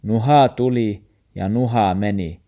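A man reading a storybook, playing a kind, reassuring grandfather who coaxes gently in dialect. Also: fairly low pitch, lo-fi sound, natural voice. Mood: coaxing. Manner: warm coaxing dialect speech.

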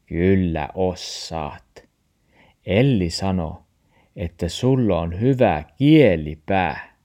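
A man voicing a patient, stubborn old grandfather in a storybook reading, with a Tornedalian Meänkieli accent and calm insistence. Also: deep voice. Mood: coaxing.

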